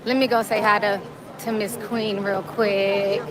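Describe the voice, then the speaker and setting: A woman's voice: mid-range voice, little pitch movement, background noise. A woman livestreaming casually as she walks, chatting and laughing with viewers, at times out of breath from hurrying. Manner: chatty, laughing, walks fast and runs while talking. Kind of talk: casual live-stream vlog. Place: outdoors on a busy city street. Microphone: phone camera held in hand. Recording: crowded street, some far-off pickup. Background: crowd chatter.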